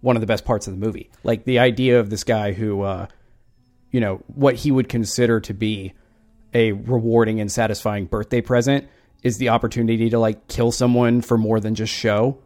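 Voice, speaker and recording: A man in a casual film discussion, speaking in a measured, hedging way with many fillers. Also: on the low side, steady tone, a little mellow.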